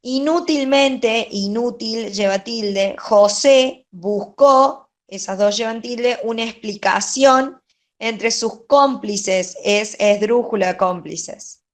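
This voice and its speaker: Slow, patient woman teaching grammar. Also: a little high. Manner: patient, checks in with "¿sí?". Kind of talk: grammar lesson, going over answers. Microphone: online class.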